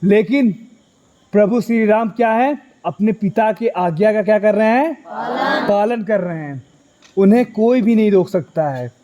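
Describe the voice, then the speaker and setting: High-voiced man telling a story to children. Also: mellow, poor audio. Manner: asks rhetorical questions and answers them himself; sings the crowd's plea in a drawn-out chant. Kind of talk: storytelling to schoolchildren. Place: school hall at night.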